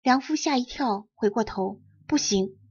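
A woman storyteller reading a fairy-tale audiobook in a clear, measured way, with a husky voice. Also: fairly high pitch, lo-fi sound.

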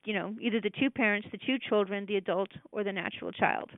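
Woman, presenter, casual explanatory talk, mid pitch, tinny phone-quality sound. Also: fast talker, dry recording. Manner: acts out parent and child voices in quotes; conversational, with many fillers and restarts. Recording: dry, tinny phone-like audio.

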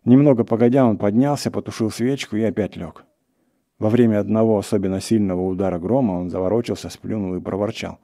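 A man reads a classic tale aloud in a steady, measured way. His voice is low and deeply dark, with a warm, mellow weight. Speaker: narrator. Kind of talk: literary reading of a classic story.

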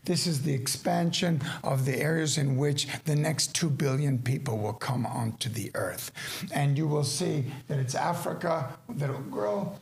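Gravelly man giving a lecture. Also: a little high. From Caracas, Venezuela. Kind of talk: conference lecture. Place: indoor seminar room at a lectern. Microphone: lectern microphone.

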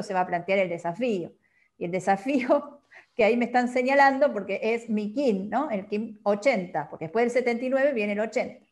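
Speaking in a mid-range, slightly mellow voice, a guest teacher explains a calendar system with patience. She tends to wrap up her points with a questioning tag.

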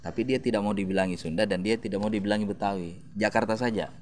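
Brief: middle-aged man, low voice, lively storyteller in a relaxed chat. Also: fast. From Makassar, South Sulawesi. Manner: storytelling, animated retelling of anecdotes. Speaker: guest. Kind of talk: casual chat.

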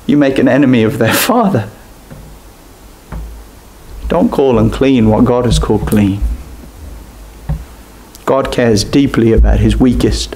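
At a lectern in a church hall, a young man with a high-pitched voice preaches a sermon, animated and gesturing, with sharp drops to near-whispers. A lectern mic picks him up from a distance in the echoey room.

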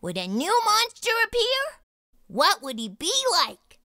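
Storytime host: bright, high-pitched woman reading a kids' book, lively and unhurried, dry close sound. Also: no echo. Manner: animated, expressive reading. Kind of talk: children's storybook read-aloud.

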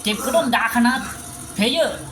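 A woman giving rowdy, crude, joking let's-play commentary that turns into excited shouting when things get tense. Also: a little high, a little fast, a crowd in the background. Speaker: gaming streamer.

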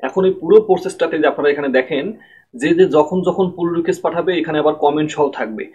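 A man's voice: a little high, rapid-fire, darkish tone, slightly rough, dull audio. A man giving a screen-recorded programming tutorial at his computer, explaining step by step and often checking that listeners follow.

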